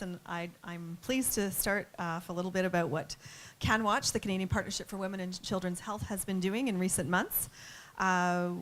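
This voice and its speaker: A woman presenting at a conference panel, speaking with frequent "uh" fillers as she walks through her slides. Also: lowish voice. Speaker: panelist, communications manager. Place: conference room.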